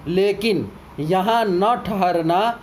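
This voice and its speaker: A man with a high voice teaches a lesson, explaining each point step by step and acting out short spoken examples. A faint hum of room ambience sits behind him.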